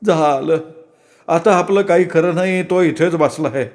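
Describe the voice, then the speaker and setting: A man's voice: a little high, a little slow, darkish tone, pitched above the performer's own voice, close to an everyday voice. A man voicing a tense young man in a told story, urgent and blunt. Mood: gloomy. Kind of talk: dramatic storytelling.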